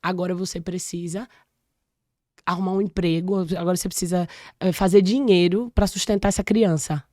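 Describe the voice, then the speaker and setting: A woman in her forties, originally from Salvador in Brazil, speaks as a guest on a podcast and tells a personal story in a lively, conversational way. She often breaks off mid-phrase and starts again. Her voice is recorded close to the mic in a dry room. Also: fairly low pitch, fairly quick, no echo. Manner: animated storytelling with many restarts. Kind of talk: casual interview chat.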